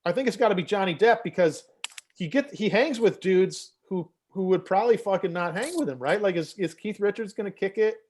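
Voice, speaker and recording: A man's voice: high voice, expressive, brisk, darkish tone. Casual male podcast host from Michigan, easygoing, drops swears. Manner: laid-back, swears casually. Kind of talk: casual chat.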